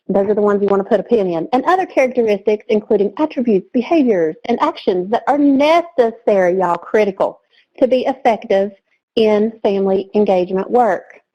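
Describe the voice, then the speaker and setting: A woman presenting a training webinar in an energetic, chatty way, laughing easily. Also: mid-range voice, dull audio.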